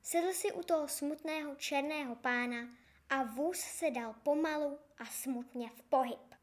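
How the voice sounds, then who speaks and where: A woman reading a fairy tale aloud with an expressive, storytelling delivery. Her voice sits high for a woman. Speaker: narrator. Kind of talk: fairy-tale audiobook narration.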